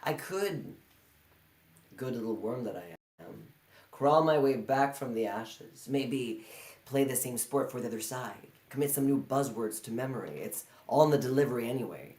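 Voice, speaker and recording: A man's voice: mid-range voice, expressive, normal speed, a little mellow, natural voice. A man performing a live stage monologue as a bitter, self-loathing failure, sardonic and crude. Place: indoor performance hall. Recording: echoey hall.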